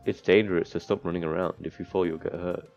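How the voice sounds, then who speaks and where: Reading a visual novel aloud as gameplay commentary, this man talks fast in a low, steady voice. He fumbles words and breaks off for passing asides, and his dull lo-fi mic picks up the game music behind him.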